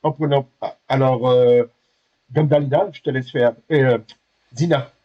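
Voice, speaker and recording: A man teaching a beginner Hebrew class, halting and correcting himself, patiently checking that his students understand. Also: mid-range voice, fairly even intonation, highs cut off.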